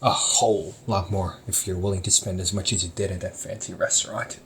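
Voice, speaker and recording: This low, steady male voice moves briskly and sounds a bit bright, with a little hiss or hum in the background. In a casual audio roleplay, he acts as a talkative, teasing young older brother who owns a hobby shop, addressing the listener one-sidedly and laughing frequently.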